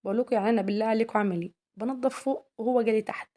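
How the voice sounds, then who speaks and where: A woman's voice: fairly high pitch, fairly even intonation, racing, dark tone. A young woman with an Egyptian accent, chatting casually in a home vlog, talking straight to her viewers as girls and asking their opinion. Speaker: homemaker vlogger.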